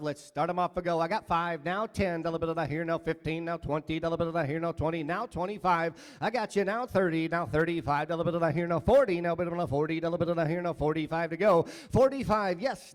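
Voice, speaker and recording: A man doing a rapid, rhythmic auctioneer chant, rolling repeated filler phrases between the numbers. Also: on the high side. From Michigan, USA. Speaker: auctioneer, contest finalist.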